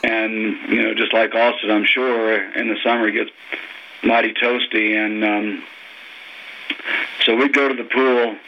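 An older man from Texas, a former diver, recalling his youth in a phone interview, talking unhurriedly with many pauses and ums. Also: lowish voice, level tone. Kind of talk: phone oral history interview. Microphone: telephone. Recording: muffled phone line with faint noise.

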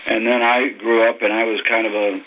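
Older texas guy on the phone, low and kinda flat, lots of ums, slight hiss. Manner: unhurried, hesitant, many ums. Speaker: interviewee, former Olympic diver. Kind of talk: phone oral history interview. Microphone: telephone. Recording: muffled phone line with faint noise.

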